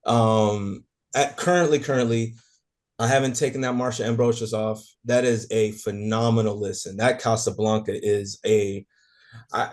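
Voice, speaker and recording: A man's voice: on the low side, steady tone, normal speed, a little mellow. Enthusiastic man gushing in a podcast chat. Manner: enthusiastic, gushing about music. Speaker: podcast co-host.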